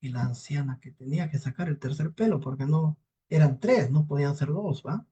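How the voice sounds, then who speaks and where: A man lecturing on psychology retells a fairy tale in a husky, fairly high voice. He tells it in a lively way and keeps checking in with his listeners. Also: brisk, highs cut off. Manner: lively storytelling, frequent tag questions. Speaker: teacher of analytical psychology. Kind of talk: storytelling lecture.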